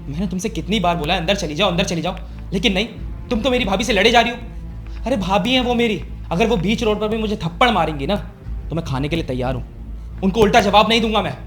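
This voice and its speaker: A man's voice: high voice, rapid-fire, fairly bright tone, faint music behind. A man playing a young husband loyal to his elder brother who lectures his wife in a scripted family drama. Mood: lecturing. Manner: lecturing, stern.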